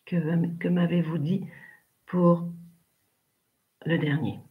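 A woman's voice: on the low side, fairly even intonation, takes it slowly, highs cut off. A woman teaching English pronunciation in an online class, patiently correcting pupils one by one by name.

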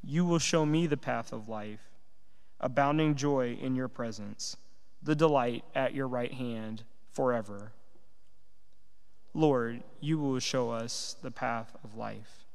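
A man reads scripture as a lector at Mass, solemn and measured, from a church lectern. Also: medium pitch, creaky, clear, resonant tone. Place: large stone church sanctuary, indoors. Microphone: gooseneck microphone at the lectern. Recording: echoing church, long reverb.

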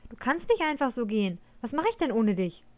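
A woman voicing an excitable teenage girl who talks to her best friend in a loud, emotional way. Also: fairly high pitch, a little fast, no echo.

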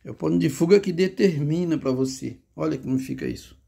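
Brazilian male drawing teacher, chatty and gravelly, on a handheld phone. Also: fairly high pitch, a little fast, dark tone. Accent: Brazilian Portuguese. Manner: chatty, talks to himself while drawing. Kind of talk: casual drawing lesson.

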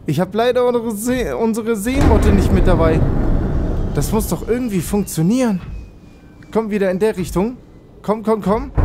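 Excitable German-speaking man gaming. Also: high voice, background noise. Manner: excitable, yelps and pleads with his vehicle. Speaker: let's play host. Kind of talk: gameplay commentary.

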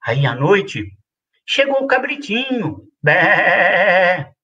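A man's voice: high voice, animated, measured pace, sharp tone. A man with a Brazilian accent telling a rhythmic children's story, drawing the kids in with questions. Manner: rhythmic, sing-song, calls to the kids. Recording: muffled live-stream audio, distant mic.

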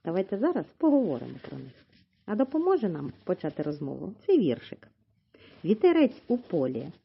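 A woman teaching a literacy lesson to young children, sounding out letters slowly and clearly for them to repeat. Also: lowish voice, huge pitch swings. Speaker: preschool teacher. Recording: dull lo-fi recording.

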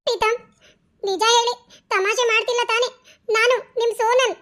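A woman's voice: very high voice, steady tone, moderate pace, fairly bright tone. A woman voicing a jilted young woman in a cartoon drama, pleading and indignant. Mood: disbelieving. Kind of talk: cartoon dubbing.

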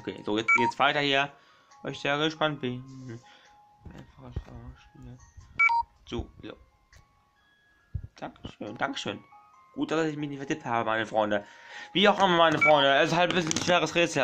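A man commenting on a puzzle game, rambling and repeating himself, sometimes snapping at people interrupting him. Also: medium pitch. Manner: rambling, repeats himself, says "meine Freunde" often. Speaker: gaming YouTuber. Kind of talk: let's play commentary.

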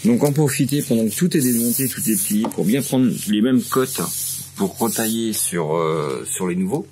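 This is a casual how-to from a French man in his forties, working through a repair step by step in a big workshop. He speaks at a normal pace in a lowish, slightly mellow voice, with a little background noise. He hesitates constantly, with many "euh" sounds and restarts.

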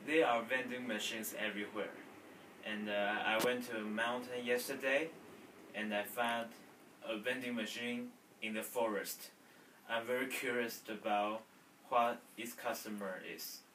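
A young man student talking in a small room, plain and slightly halting. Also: medium pitch, steady tone, background noise. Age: young adult. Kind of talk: casual vlog talk. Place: small indoor room against a wall. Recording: roomy, distant from the mic.

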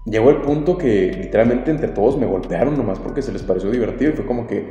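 A man's voice: mid-range voice, expressive, quick pace, warm tone, dull audio. Mexican man in a very echoey room. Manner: slangy, swears freely, laid-back. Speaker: podcast host. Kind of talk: casual storytelling monologue. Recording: very echoey room, long reverb, faint music.

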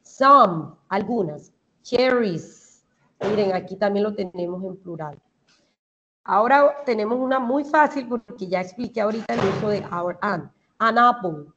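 A woman's voice: medium pitch, moderate pace, dull audio, slight background noise. A woman with a Colombian Spanish accent teaching English grammar in an online class, explaining step by step and checking that the students understand.

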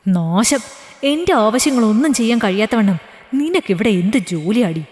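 A woman's voice: mid-range voice, a little fast, long reverb tail, close to an everyday voice. A woman voicing a brutal, contemptuous young husband who talks harshly and sneers.

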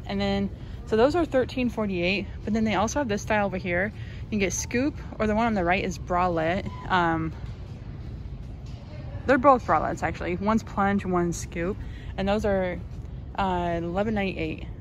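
A woman vlogging as she walks a large store, chattily listing prices and getting excited over new finds. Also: medium pitch, moderate pace, a little hiss or hum. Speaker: shopping vlogger. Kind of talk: casual shop-with-me narration. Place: large retail store, indoors.

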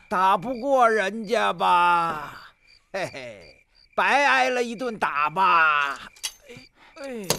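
A man's voice: high-pitched, sharp tone, exaggerated voice. An actor playing a groaning, demanding old man with an aching back, whining and wheedling in a dubbed film. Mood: wheedling, moaning. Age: older. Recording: noisy film audio with clicks.

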